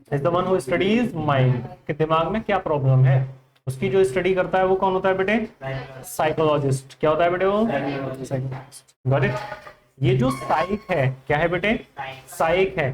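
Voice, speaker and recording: A man's voice: high voice, moderate pace, a crowd in the background. A man with an Indian accent teaching an English vocabulary class in Hindi, quizzing his students with repeated questions. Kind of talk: classroom lesson.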